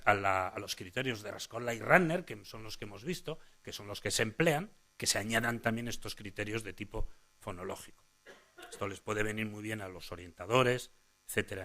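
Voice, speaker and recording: Speaking fairly low but bright and forceful, a man lectures parents and professionals at a conference about child speech from a language psychologist's perspective. Pointing listeners toward his slides, he keeps restarting phrases and adding "eh?"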